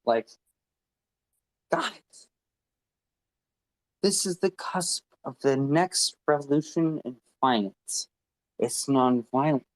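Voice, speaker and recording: Impassioned, profane man ranting slowly. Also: medium pitch, lively intonation, no room sound, low-quality recording. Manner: passionate, profane, rambling. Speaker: panel guest. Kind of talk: impassioned live audio-room talk. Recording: online audio-room stream.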